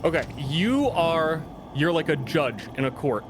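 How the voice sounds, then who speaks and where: A man co-streaming a game, chatting and telling things casually in a halting, deliberate way. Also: a little high, big pitch swings, background noise. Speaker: gaming co-streamer. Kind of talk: casual chat and storytelling.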